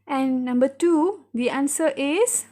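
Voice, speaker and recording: A woman teacher leads a recorded reading lesson in a high voice. She reads with clear, careful diction and walks her pupils through each question one at a time. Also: animated, slow pace, dark tone. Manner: clear, careful read-aloud, guiding pupils step by step.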